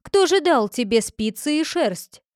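A stern storybook judge fires insistent questions at a courtroom, as a woman reads him aloud. The voice sits on the high side and the sound is dry and close. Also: sing-song, measured pace, darkish tone, no echo. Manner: interrogating, insistent. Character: stern male village judge, questioning sharply.

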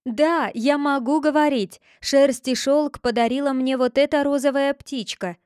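A woman reading a storybook, voicing a gentle but stubborn poor shepherd girl. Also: high-pitched, a little slow, dry recording, studio quality, pitched above the performer's own voice. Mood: joyful. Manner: quiet, calm, firm.

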